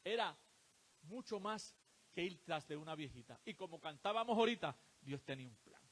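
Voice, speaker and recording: A male preacher with a high voice that rises and falls a great deal. He drives his sermon with rhetorical questions and answers them himself. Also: normal speed. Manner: animated, rhetorical questions to the congregation.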